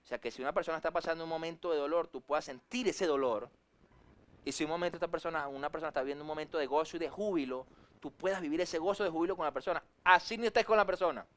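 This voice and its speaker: A man preaching a sermon as pastor, swinging his voice up and down for emphasis and acting out quick asides. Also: on the high side, a bit bright. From Venezuela. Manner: preachy, rises and drops sharply for emphasis, acts out quick asides.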